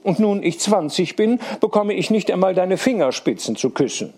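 A man voicing Karl, a bold and teasing young man of twenty, in a slightly husky voice, raised and insistent. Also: high-pitched, expressive, moderate pace, mellow, pitched above the performer's own voice.

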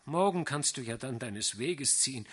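A man reading a gentle, sorrowful young man. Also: medium pitch, lively intonation, moderate pace, breathy edge. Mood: tender. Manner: soft, tender, subdued. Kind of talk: audiobook character voice.

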